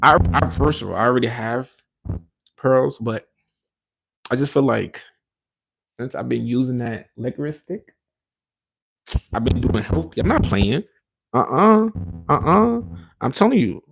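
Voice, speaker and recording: A man hosting a podcast, talking casually in a rambling, animated way with slangy asides and quoted voices. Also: mid-range voice, measured pace, vocal fry, long pauses, background noise. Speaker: podcast host. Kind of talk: casual solo podcast chat.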